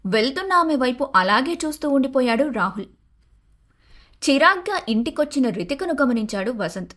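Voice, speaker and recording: A woman's voice: high voice, normal speed. Woman narrating a storybook cartoon. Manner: plain, steady storytelling.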